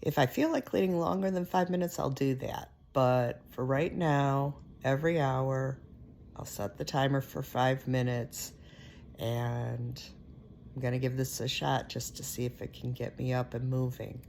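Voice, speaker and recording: A woman's voice: rumbling low, fairly even intonation, a little slow, creaky, darkish tone, slight background noise. A middle-aged woman vlogging from home in a candid, rambling way, with lots of fillers. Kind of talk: casual home vlog chat.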